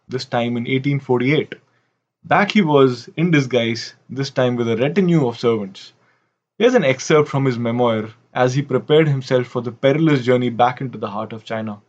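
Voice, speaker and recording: A man's voice: medium pitch, darkish tone. A man from India, hosting a history video in wry scripted narration with casual asides, on dull lo-fi audio.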